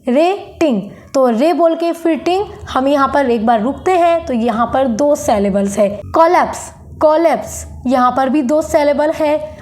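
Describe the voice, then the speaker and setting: Young woman teacher, pretty high voice, says each example word slowly syllable by syllable. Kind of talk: Hindi lecture on English poetry.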